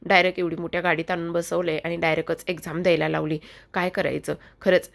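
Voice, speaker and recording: A woman's voice: lowish voice, flat delivery, fast talker, creaky. A woman voicing a nervous young woman learning to drive, flustered and protesting.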